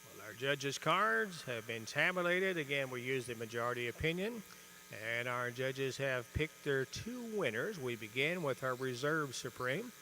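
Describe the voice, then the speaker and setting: A man's voice: medium pitch, animated, normal speed, bright, forceful tone, slight background noise. A man announcing livestock show champions at ringside, formal in tone and drawing out the winners' names for emphasis.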